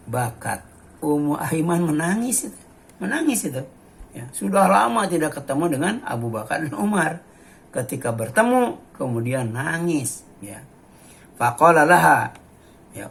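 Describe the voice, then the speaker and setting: A man's voice: medium pitch, gravelly, slight background noise. A man giving a religious study lecture, reciting Arabic phrases and explaining them with frequent "ya" fillers. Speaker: preacher.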